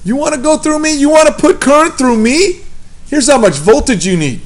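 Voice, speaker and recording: A man's voice: very high voice, lively intonation, moderate pace, voice pushed up. A man voicing a grumpy resistor with a put-on tough-guy accent, taunting and pushy.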